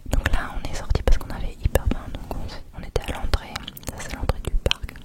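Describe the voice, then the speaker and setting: A woman whispering a chatty, rambling ASMR travel vlog, quiet and gentle as if at night. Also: brisk. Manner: chatty, rambling, informal with repeated words. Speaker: vlogger.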